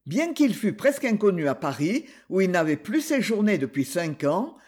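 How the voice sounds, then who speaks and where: A man reading a novel aloud as an audiobook narrator, expressive and giving the characters' lines their own tone. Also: sits high, normal speed, slightly rough. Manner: expressive reading, voicing characters with quoted dialogue. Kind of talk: scripted narration.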